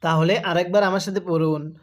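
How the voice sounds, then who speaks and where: A man from Bangladesh teaching Quran reading, spelling out syllables and reciting verses in a drawn-out way for learners to repeat. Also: high voice, fairly even intonation.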